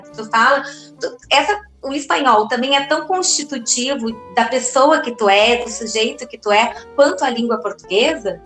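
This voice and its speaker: A woman hosting a podcast interview in a casual way, asking long rambling questions full of fillers. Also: fairly high pitch. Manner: rambling, warm-thanking, fillers like "né" and "assim". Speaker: podcast host. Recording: roomy echo with light music.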